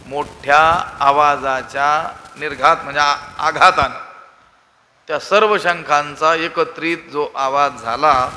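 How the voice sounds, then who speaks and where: A man with a slightly high, ringing bright voice preaches a devotional sermon. He asks rhetorical questions and hammers single words with sudden loud stress. A long hall reverb trails each phrase. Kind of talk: devotional scripture discourse.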